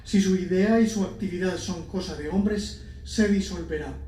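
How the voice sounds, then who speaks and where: A man's voice: high-pitched, moderate pace, dark tone. A man reading scripture and psalms as a lector, solemn and formal, in an echoing church. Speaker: lector at Mass. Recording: echoey church, distant mic, faint noise.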